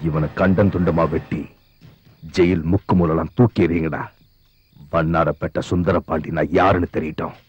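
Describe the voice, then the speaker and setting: A man's voice: deep voice, flat delivery, normal speed, lo-fi sound, over loud music, close to an everyday voice. An actor playing a ruthless male gangster boss who gives cold, commanding orders in a dubbed action film. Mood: menacing. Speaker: gangster villain.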